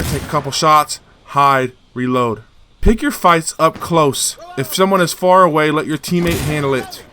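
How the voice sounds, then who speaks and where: A man narrates a casual game tutorial, coaching with jokes and a hype-filled push. His voice sits a little high for a man. Faint gunfire from the game plays under him. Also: a bit bright, a little hiss or hum. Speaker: gaming channel host.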